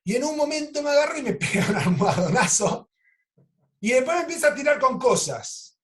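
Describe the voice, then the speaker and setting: Animated Argentine man, high voice. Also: fairly quick. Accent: Argentine Spanish. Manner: animated storytelling, acts out quoted lines. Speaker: psychoanalyst teaching an online course. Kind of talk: lecture with clinical anecdotes.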